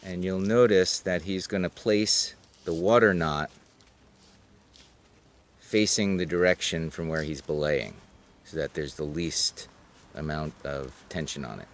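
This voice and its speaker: A man's voice: low-pitched, measured pace, long pauses. A man narrating an outdoor demonstration as an instructor, explaining it plainly, step by step. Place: outdoors on a wooded slope. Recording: faintly noisy outdoor recording.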